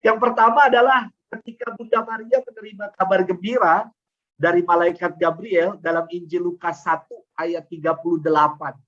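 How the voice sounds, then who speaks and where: Heartfelt priest preaching over dull webinar audio. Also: male voice, high voice, fairly even intonation, normal speed, a bit bright. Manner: emotional storytelling, repeats phrases for emphasis. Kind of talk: sermon.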